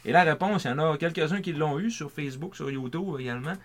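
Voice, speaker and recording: A man's voice: a little high, quick pace. A man with a Quebec French accent talking casually as a podcast co-host. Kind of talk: casual chat.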